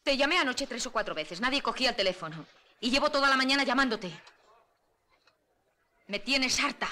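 Suspicious wife, exasperated, high bright voice, film comedy, faint noise. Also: female voice, expressive, brisk.

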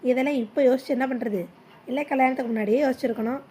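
A sneering neighbour woman, voiced by a woman who sits lower than the others yet is still high for a woman. She drawls her jabs slowly. The voice is a little off-mic, with a faint hiss behind it. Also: fairly even intonation, mellow, lightly acted.

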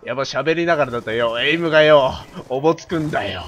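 A man doing game commentary while he plays, barking orders like a mock commander and shouting in rough slang. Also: medium pitch, fast, dull audio, slight background noise. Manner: loud, theatrical, bossy mock-commander banter. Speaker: gaming commentator.

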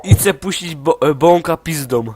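Teen boy, let's play host, excitable and crude, noisy recording. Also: a little high, moderate pace. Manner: crude teasing, bossy and excitable. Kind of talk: casual gaming banter.

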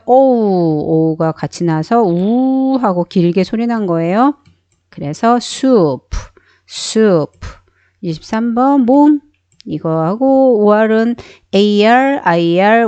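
A woman's voice: medium pitch, dark tone, dry recording. A woman teaching a beginner phonics lesson, explaining each sound step by step and repeating every word several times. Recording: dull, dry sound.

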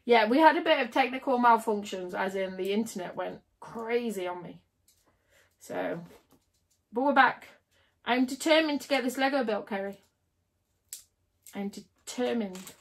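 A woman's voice: a little high, unhurried, long pauses. A woman livestreaming casually, chatting and giggling with viewers while she builds. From United Kingdom.

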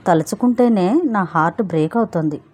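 Brief: dramatic, anxious young man, read by a woman in a storybook, mellow tone. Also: on the low side, animated, a little fast. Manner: exclamatory, mixes English words.

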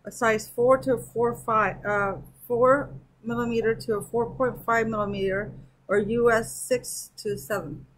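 Slow, husky-voiced woman crafter. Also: on the high side, rough recording. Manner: chatty, thinks aloud while stitching and counting. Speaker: crochet channel host. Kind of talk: casual yarn review and crochet demo. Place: at home with an air conditioner running.

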